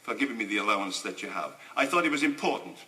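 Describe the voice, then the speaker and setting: Guy ranting in parliament, bright sharp voice, echoey hall. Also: on the low side, animated. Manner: indignant, emphatic, halting restarts. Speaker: member of parliament. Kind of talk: parliamentary speech. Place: large debating chamber. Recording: echoey chamber.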